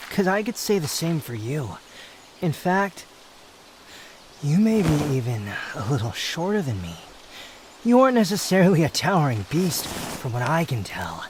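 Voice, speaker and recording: A man playing a prideful, sharp-tongued puppet wanderer with a secret fondness, speaking to the listener in a roleplay audio drama, haughty and unhurried. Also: fairly high pitch, slight background noise. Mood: mocking, indignant.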